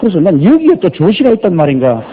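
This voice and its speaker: An older man preaching a sermon as a pastor, telling stories with rhetorical questions and drawn-out emphasis. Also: high voice, wildly swooping pitch, a little hiss or hum. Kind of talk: sermon, Bible exposition. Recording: lo-fi recording with long reverb.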